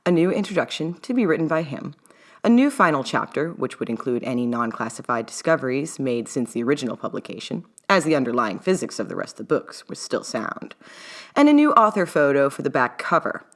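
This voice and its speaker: A woman narrates her own fan fiction audiobook-style in an old-timey, English-leaning mid-Atlantic accent. Her voice rumbles low, sing-song and fairly quick.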